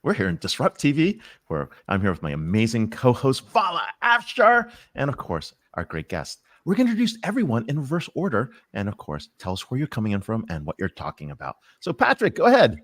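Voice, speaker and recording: A man's voice: medium pitch, wildly swooping pitch, brisk, hardly any pauses, no echo. A man co-hosting a talk show over a video call, upbeat and effusive as he introduces guests. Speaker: co-host. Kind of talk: lively show intro chat.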